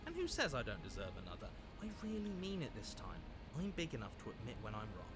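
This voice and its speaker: A man's voice: medium pitch, huge pitch swings, fast talker. An actor playing a sly, two-faced male opportunist in a game, glib, smarmy and ingratiating. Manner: smarmy, glib, eager to agree. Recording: music behind the voice.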